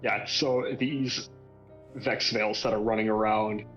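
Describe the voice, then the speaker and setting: A man's voice: fairly low pitch, steady tone, takes it slowly, a bit bright, faint music behind. A man playing in a tabletop game, describing his character's silly bits in an easygoing way, over a muffled mic. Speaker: player. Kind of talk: casual tabletop chat.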